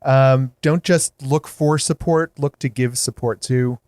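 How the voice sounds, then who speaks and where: A man's voice: medium pitch, steady tone, measured pace, a little mellow, dry recording, clean studio sound. A man co-hosting a podcast who teases his partner in a playful way and laughs easily. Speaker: podcast co-host. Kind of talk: casual podcast chat.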